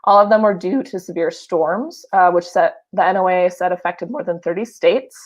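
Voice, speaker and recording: A woman's voice: fairly low pitch, moderate pace, muffled recording. A woman with a Wisconsin accent, co-hosting a podcast and reading news articles aloud with casual, filler-heavy asides. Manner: chatty, many fillers and asides. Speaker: podcast co-host.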